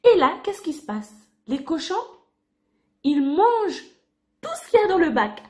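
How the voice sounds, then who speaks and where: A woman's voice: extremely high pitch, sing-song, measured pace, warm tone. A woman telling a Bible story to children, talking to them directly, with knocking and sing-song sound effects.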